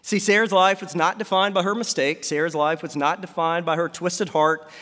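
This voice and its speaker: High-voiced male preacher in a reverberant hall. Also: fairly even intonation, normal speed, sharp tone. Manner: preaching with rhetorical questions. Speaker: pastor. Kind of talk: sermon.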